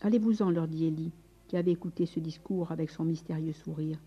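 Husky woman narrating a story. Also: deep voice. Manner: measured, expressive storytelling. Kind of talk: audiobook narration. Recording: dull lo-fi recording. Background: faint music.

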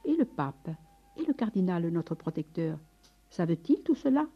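A woman reading aloud the lines of a frail, fervent old male saint in a storybook, with a slightly husky voice on a dull recording. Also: on the low side, very animated, normal speed, faint music behind, full character voice. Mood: anguished. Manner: fervent, exclaiming.

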